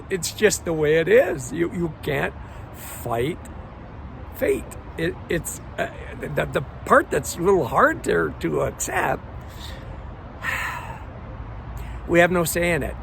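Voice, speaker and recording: A man coaches his listeners in an earnest, encouraging motivational talk. His voice sits fairly high and has a gravelly, fry-edged texture, and he often repeats words and stretches phrases for emphasis. Faint outdoor traffic noise runs behind him. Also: fairly bright tone. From Croatia. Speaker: life coach. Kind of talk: motivational monologue.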